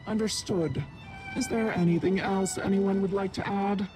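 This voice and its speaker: A disguised corporate official, the voice run through a pitch-shifting voice changer that masks who is speaking. The delivery is formal, clipped and impersonal, set over game music. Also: steady tone, normal speed. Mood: formal, cold. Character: faceless corporate board official issuing penalties. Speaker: meeting chair. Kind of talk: video game voice acting.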